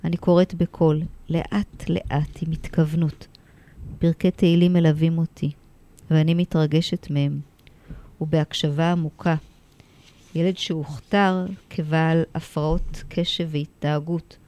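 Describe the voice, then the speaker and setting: A woman teacher narrating a personal story, soft, reflective and heartfelt. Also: deep voice, level tone.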